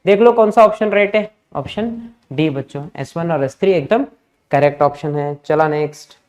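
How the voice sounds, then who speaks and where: A man's voice: fairly high pitch, moderate pace, darkish tone. Male maths teacher, exam-prep lesson, explaining step by step, English terms mixed in. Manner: explanatory, keeps calling students "kids", mixes English terms in.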